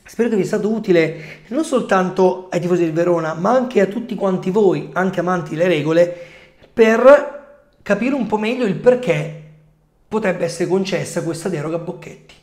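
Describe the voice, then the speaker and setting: A man in his forties with a coughy, subdued voice, often clearing his throat, giving casual explanatory commentary straight to his viewers. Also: sits high, normal speed, a little mellow. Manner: conversational, addressing viewers directly. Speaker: football video host. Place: small home room, indoors. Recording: echoey room.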